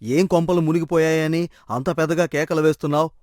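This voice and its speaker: Woman doing a grumpy husband voice, way deep, dry, barks at his wife. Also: steady tone, brisk, a little mellow, no echo, lightly acted. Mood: scolding. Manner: gruff, scolding. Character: gruff scolding middle-aged husband. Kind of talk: storybook voice acting.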